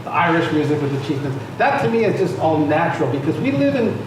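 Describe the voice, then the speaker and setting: His voice is fairly high with big pitch swings and a quick pace as this middle-aged American musician and arts center founder talks on a panel. Speaking conversationally and telling stories, he restarts frequently, while the far-off mic in the lecture room picks up strong echo and noise.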